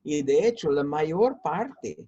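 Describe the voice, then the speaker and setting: Answering interview questions in Spanish, this pastor and seminary teacher has an accent mixing American and Mexican influences. His voice sits on the high side, expressive, mellow and slightly rough, and he takes his time, hesitating with many fillers and repeats. The audio sounds dull.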